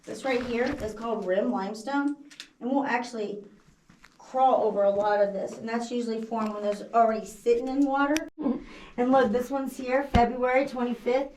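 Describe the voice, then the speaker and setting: A woman's voice: a little high, fairly even intonation, normal speed, a little mellow. Echoing cave guide, an enthusiastic woman. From Texas. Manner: enthusiastic, folksy, informal grammar. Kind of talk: casual guided cave tour talk. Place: inside a cavern, echoing. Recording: echoing cave, distant mic, noisy.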